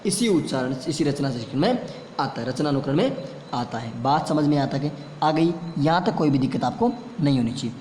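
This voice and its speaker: A man's voice: a little high, lively intonation, a little fast, darkish tone, a little hiss or hum. A man teaching a classroom lesson, asking questions and answering them himself, heard in an echoey room a long reverb. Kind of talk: classroom lecture.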